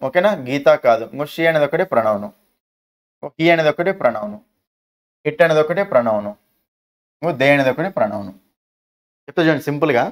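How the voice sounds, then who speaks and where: A man's voice: on the high side, expressive, normal speed, long pauses. A man with a Telugu accent teaching an English grammar lesson, asking questions and answering them himself. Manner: asks questions and answers them himself, calls students "nanna".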